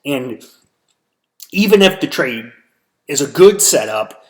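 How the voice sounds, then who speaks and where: A man's voice: mid-range voice, big pitch swings, slow. Tired man rambling through a trade recap. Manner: rambling, many restarts and fillers. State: tired, yawning. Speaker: stock trader giving a daily recap. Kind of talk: casual solo trading recap.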